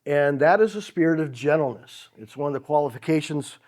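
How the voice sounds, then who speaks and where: A man's voice: on the high side, expressive, a little fast, darkish tone. A middle-aged man preaching a conversational sermon, chuckling as he acts out example phrases.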